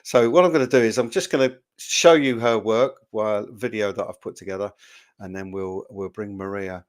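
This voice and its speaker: A man's voice: lowish voice, steady tone, moderate pace. Chatty, jokey man hosting an interview. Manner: chatty, jokey, with frequent fillers. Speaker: interview host. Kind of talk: casual video interview.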